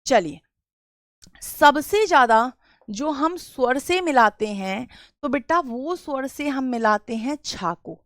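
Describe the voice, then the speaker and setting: Slow, patient woman teacher with sore throat. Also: sits high, lively intonation, no echo, clean studio sound. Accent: western Uttar Pradesh (Bareilly) Hindi. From Bareilly district, Uttar Pradesh, India. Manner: patient, repeats key phrases, addresses students as beta. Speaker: Hindi grammar teacher. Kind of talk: live online grammar class.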